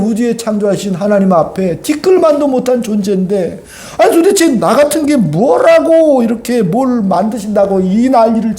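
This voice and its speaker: A man's voice: extremely high pitch, warm tone, voice pushed up. A man voicing an anguished biblical sufferer who protests and pleads with God in a plaintive, exclamatory way.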